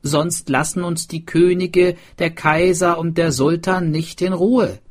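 A man voicing a clever, scheming pig herder from a village, raised and excited. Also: a little high, measured pace, voice pushed up. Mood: eager.

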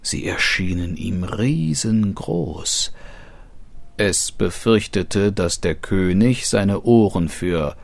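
A man narrating a fable in an expressive, unhurried storytelling manner, with a gravelly voice. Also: low voice.

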